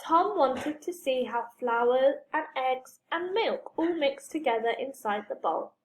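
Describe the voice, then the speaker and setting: A woman reading a children's story aloud, expressive and playful with sound words. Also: high-pitched, measured pace.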